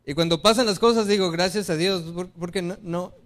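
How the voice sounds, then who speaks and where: High-voiced earnest man preaching a sermon. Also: fairly quick. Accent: Mexican Spanish. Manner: earnest, appeals to the congregation as brothers; acts out excuses and dialogue in quotes.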